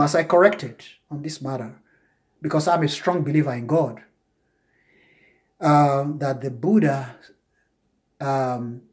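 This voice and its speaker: A man giving a spoken commentary lecture on scripture, emphatic and repetitive, often jumping up high to act out mock questions. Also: a little mellow. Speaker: religious commentator.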